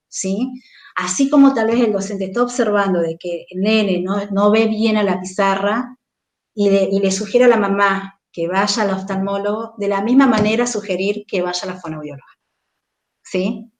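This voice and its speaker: In an interview, an Argentine-accented woman who works as a speech therapist lays out explanations patiently, often checking in with listeners and closing points with "¿sí?". She has a medium-pitched, slightly mellow voice, and the recording sounds roomy.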